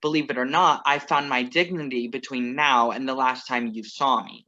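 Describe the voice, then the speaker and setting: The composed, wry ex-lover crashing a wedding is voiced by a medium-pitched man whose tone is steady and sharp, in a lightly acted play reading over a video call. He sounds measured and earnest with a wry edge, and the call audio is muffled.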